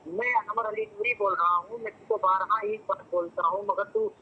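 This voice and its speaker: A man's voice: high voice, fairly even intonation, fairly quick. A man in a heated phone argument, combative and indignant, repeating himself over a muffled line.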